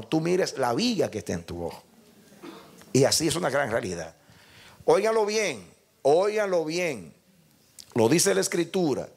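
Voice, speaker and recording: A man's voice: on the high side, vocal fry. An older male pastor preaching a sermon, emphatic and speaking directly to his congregation.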